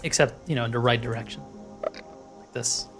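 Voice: medium pitch, fairly even intonation, fairly quick. A person giving casual let's-play commentary on a video game, playful and often talking to themself. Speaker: gaming streamer playing and commenting. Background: game music.

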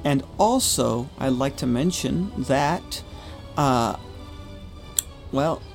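A man's voice: mid-range voice, lively intonation, very slow, vocal fry, faint music behind. A man hosting a gaming video with casual, rambling, conversational commentary. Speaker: gaming channel host.

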